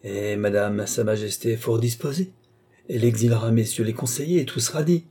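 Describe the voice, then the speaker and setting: A man voicing a lively, flattering royal favorite, a countess, in an audiobook reading. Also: mid-range voice, fairly quick, breathy edge, lightly acted. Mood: brisk.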